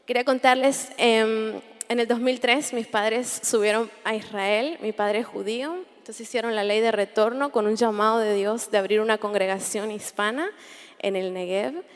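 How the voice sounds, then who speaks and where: A young woman gives an earnest, reflective testimony at a Bible conference, circling back over her phrases as she finds the words. Her voice sits on the higher side and carries a long reverberant tail from a large hall. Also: steady tone, moderate pace, clean tone. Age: 20s. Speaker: conference speaker.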